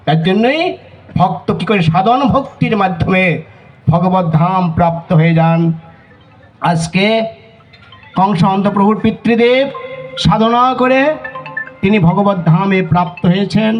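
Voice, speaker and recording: A man giving a devotional sermon at a gathering, preaching slowly and rising to shouted chant calls. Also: sits high, faint music behind. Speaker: monk giving a talk. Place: gathering of devotees at a memorial festival.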